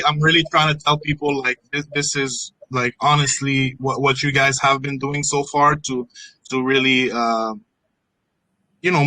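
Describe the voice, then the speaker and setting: A man's voice: mid-range voice, bright, forceful tone, no echo, rough recording. A man from Morocco, hosting an online AMA with enthusiasm, repeating words and joking. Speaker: AMA host.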